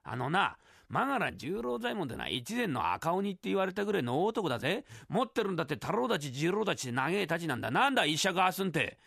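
A man doing a gruff, mocking Edo heckler. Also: high-pitched, very animated, fast, few pauses, fairly bright tone, no echo, studio quality, heavily acted. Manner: rough Edo-style tough-guy speech. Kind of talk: rakugo storytelling.

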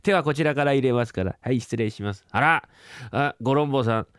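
A man's voice: fast talker, a bit bright, smooth, no room sound, clean studio sound, lightly acted. A man performing rakugo plays a bumbling, cheeky young doctor's assistant chattering fussily at a bedside. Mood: fussy. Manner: fussy, chatty bedside talk, low-voiced. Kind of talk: rakugo storytelling.

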